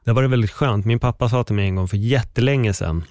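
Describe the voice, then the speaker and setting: A man with a lowish voice talks things through in an unhurried podcast conversation. He is earnest and reflective and drops in casual swear words now and then. The sound is dry and close, with no room around it. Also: darkish tone, no echo. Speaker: podcast host.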